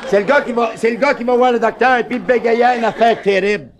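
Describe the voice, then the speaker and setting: A man telling bawdy tavern jokes with brisk punchlines and asides to the ladies. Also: extremely high pitch, fairly even intonation, a faint crowd. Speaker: stand-up comedian.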